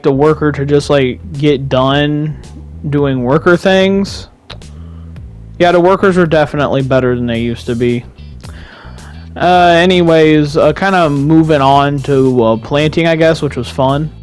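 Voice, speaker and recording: A man's voice: on the high side, moderate pace, faint music behind. A young man giving casual, rambling commentary over his own farming game footage, swearing freely and restarting his sentences. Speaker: gaming YouTuber.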